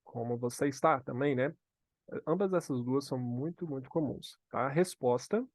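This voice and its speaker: A Brazilian Portuguese-accented man teaches a live online English lesson, slowing down to model phrases for his students to repeat. He frequently checks in with "tá?", and his medium-pitched voice has no echo.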